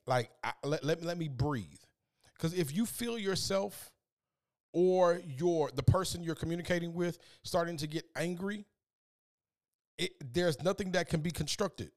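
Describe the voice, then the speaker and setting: A man hosting a podcast, giving an earnest, preachy, faith-based motivational talk and repeating words as he gets fired up. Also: a little high. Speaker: podcast host.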